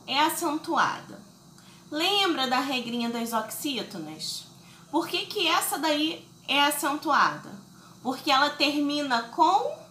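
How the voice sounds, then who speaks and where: A woman's voice: high-pitched, pushed and bright, echoey room, slight background noise. A woman teaching children a recorded lesson, explaining patiently step by step and checking in often. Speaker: schoolteacher.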